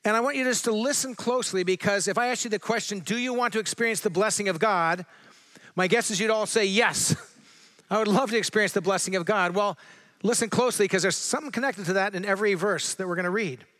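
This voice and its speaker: Middle-aged man, pastor, high voice, conversational sermon, slow emphatic scripture reading. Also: sharp tone. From Southern California.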